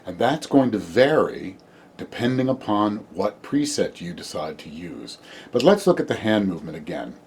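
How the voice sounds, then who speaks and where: A man's voice: fairly low pitch, big pitch swings, moderate pace, darkish tone, a little hiss or hum. A man giving a patient, step-by-step video music lesson on the theremin, sounding out rhythms as sung syllables. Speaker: theremin teacher.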